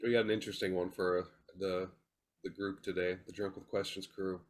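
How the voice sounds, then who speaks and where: Male podcast host with a head cold, relaxed and rambling, slightly low voice. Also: brisk. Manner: laid-back, rambling with fillers. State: congested with a cold. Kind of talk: casual podcast chat.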